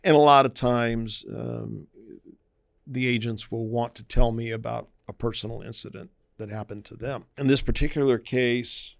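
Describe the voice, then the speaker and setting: A man's voice: mid-range voice, fairly even intonation, moderate pace, gravelly, dry recording. A man, a private investigator, talking through safety tips in a conversational podcast interview, often acting out quoted voices. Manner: conversational, acts out quoted voices, emphatic warnings.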